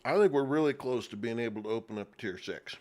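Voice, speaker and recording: A man streaming a survival game, chatting casually with a blocked nose and eating between sentences, often clearing his throat. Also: medium pitch, quick pace, darkish tone. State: stuffy nose, eating while talking. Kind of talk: casual gameplay commentary.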